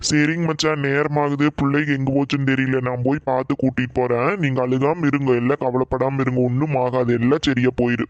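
Brief: man as steady village uncle, Coimbatore Kongu accent, firm soothing manner, dull dry sound. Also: mid-range voice, fairly quick, few pauses, no echo, lightly acted. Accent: Kongu Tamil (Coimbatore). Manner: firm, soothing, with polite -ngga endings. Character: calm middle-aged village uncle, firm peacemaker.

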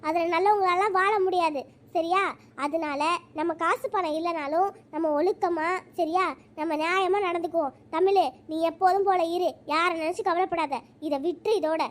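A woman voicing a calm, middle-aged village mother in a cartoon, gently giving advice. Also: very high voice, normal speed, voice pushed down. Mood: advising. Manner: gentle, advising. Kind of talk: cartoon voice acting.

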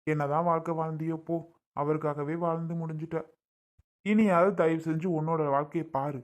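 A woman's voice: low voice, fairly even intonation, a little fast, close to an everyday voice. A woman playing a caring grown son who coaxes and reassures his mother in a family skit. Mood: coaxing. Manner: coaxing, reassuring.

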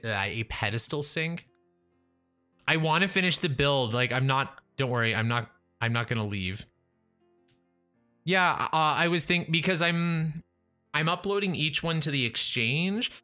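Speaking into a studio mic right in front of his face, this young gamer streams a building game from a small home room, talking to chat and to himself. His medium-pitched voice is bright and forceful, though he mentions he's losing it. The casual build-time chatter is full of restarts and trailing-off sentences.

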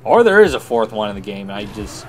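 A man's voice: fairly low pitch, very animated, quick pace, a little hiss or hum. A man giving casual, jokey commentary on a game he is playing for the first time, grumbling and humming along. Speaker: gameplay commentator. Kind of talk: casual let's-play commentary.

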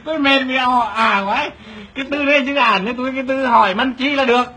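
A man's voice: very high-pitched, fast talker, crowd noise. A man playing a prank on a neighbor, repeating himself and breaking into laughter as he talks. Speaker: prankster asking a neighbor for a wifi password. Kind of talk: hidden-camera prank chat. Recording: noisy background.

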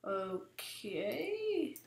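A woman's voice: a little high, very animated, very slow, creaky, roomy sound. A woman giving casual, giggly, self-deprecating gameplay commentary as a vlogger. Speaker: gaming vlogger.

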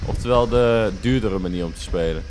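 A man's voice: lowish voice, brisk, a little mellow, slight background noise. A young man giving casual, exclamatory reaction commentary peppered with English slang, speaking into a close desk microphone. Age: young adult. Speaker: reaction video host. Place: small furnished room at home, indoors. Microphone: close desk microphone, headset on.

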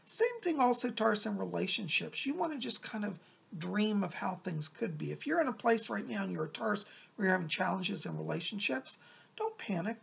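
Middle-aged male psychic for mystical horoscope readings: very husky, heavy fry, encouraging, informal. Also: high voice, a bit bright. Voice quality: raspy, creaky. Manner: encouraging, advising the listener directly. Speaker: psychic medium presenting horoscopes. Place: small room at home, indoors.

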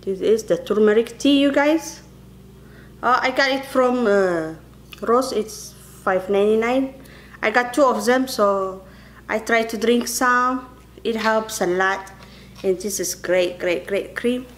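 A woman's voice: on the high side, slow pace. A woman in her thirties talking to camera in her kitchen, earnest and chatty, often calling her viewers you guys. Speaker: vlogger. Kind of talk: casual vlog to camera. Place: kitchen at home.

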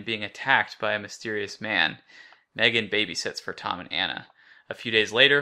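His voice fairly low yet pushed and bright, a male podcast co-host goes over a story and talks it through casually. He rambles and leans heavily on the word "like."

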